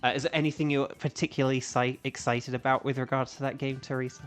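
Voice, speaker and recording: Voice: medium pitch, level tone, fast talker. A game streamer with a mid-range voice talks casually to chat in an echoey room. The delivery rambles and repeats itself, with faint music behind it. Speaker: livestream host. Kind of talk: casual gaming livestream chat.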